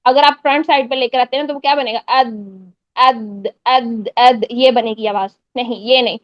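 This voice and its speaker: A woman's voice: high voice, no room sound, highs cut off. A woman teaching a step-by-step pronunciation lesson, patiently repeating drill sounds and checking that listeners follow. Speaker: Quran recitation teacher.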